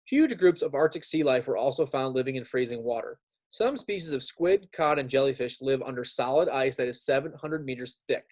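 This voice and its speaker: Here a male elementary teacher's voice sits in the mid range with a touch of mellowness. He's running an informal read-aloud lesson for young children, chatting with asides and pausing often to check how they're doing.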